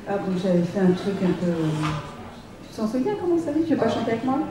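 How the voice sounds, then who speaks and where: A woman's voice: mid-range voice, big pitch swings, fast, a crowd in the background. A woman who sings cartoon theme songs, telling studio stories with a laugh on a convention panel. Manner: laughing, chatty storytelling. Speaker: cartoon theme singer, guest. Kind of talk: anecdotal convention panel talk. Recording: echoey hall, distant mic.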